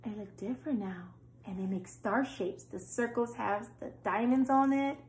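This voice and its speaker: Speaking at normal speed, this storytime reader has a slightly high, darkish voice as she reads a picture book to children, pausing for simple explanations and questions. She is a young woman in a small indoor room with plain walls, and the echoing home recording carries slight background noise.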